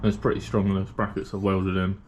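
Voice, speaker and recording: A man with a British accent talks through a casual vlog from a hot garage workshop as he builds a race car, chatty and rambling with plenty of fillers and a little breathless from the heat. His voice sits low with a level tone, a touch fast and slightly mellow. A faint hiss or hum runs under the recording.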